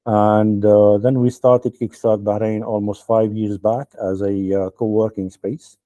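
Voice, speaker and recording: A man from Lebanon, founder of an accelerator program, gives a halting welcome speech on a video call, with many fillers, and ends his points with "okay?". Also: fairly low pitch, little pitch movement, dark tone, dry recording. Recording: dull lo-fi call audio.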